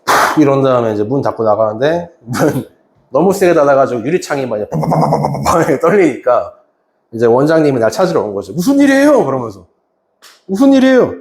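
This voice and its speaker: Animated man acting out his scolding. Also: medium pitch, quick pace, vocal fry. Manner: acts out scolding with sudden loud shouts; animated, wide-ranging delivery. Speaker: academy teacher. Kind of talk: storytelling anecdote in a class talk. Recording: roomy echo.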